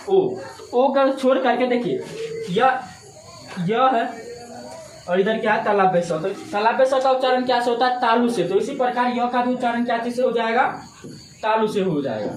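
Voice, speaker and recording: A man's voice: very high-pitched, normal speed. A male teacher walks through a grammar lesson, posing a question and then giving the answer himself, over and over. His voice bounces around an echoey room with faint background noise. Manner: asks questions and answers them himself, repetitive. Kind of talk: classroom-style Hindi grammar lesson.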